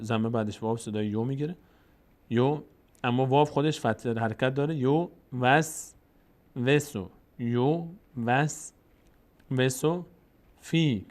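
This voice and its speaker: A man with a middle-pitched voice teaches how to read the Quran aloud. He talks through each rule in a plain explaining tone, then drags the example words out syllable by syllable so the students can hear every sound. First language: Tajik. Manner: explains rules then slowly drawls recited words. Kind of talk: recorded tajweed lesson.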